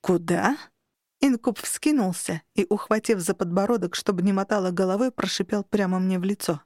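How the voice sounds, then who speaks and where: A woman's voice: medium pitch, a little fast, a little mellow, dry recording. Woman narrating an audiobook, dry sound. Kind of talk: first-person audiobook narration.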